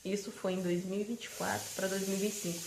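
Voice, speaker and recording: A woman's voice: mid-range voice, flat delivery, quick pace, creaky, background noise. A woman with a Brazilian Portuguese accent telling viewers a personal faith story in an emphatic way, speaking to them directly. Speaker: family vlogger. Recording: roomy echo, faint ambience.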